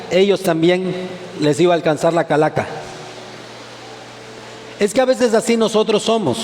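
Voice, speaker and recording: A man's voice: high voice, darkish tone, slight background noise. A male pastor preaching a sermon, often asking the congregation questions and answering them himself. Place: church sanctuary. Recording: echoey church hall with faint ambience.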